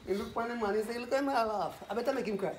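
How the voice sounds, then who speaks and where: A man's voice: extremely high pitch, rapid-fire, reverberant, crowd noise. A man with a Jamaican accent telling a joke to friends, acting out the characters' dialogue. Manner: animated storytelling, acts out dialogue.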